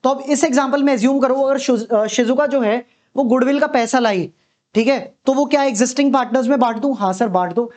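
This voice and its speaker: A man's voice: very high voice, fairly even intonation, fairly quick, a little mellow. A man teaching accountancy in a lecture, posing questions and answering them the way his students would, and checking in with a frequent "okay". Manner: repeats a reassuring "okay" to check understanding. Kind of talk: classroom lecture.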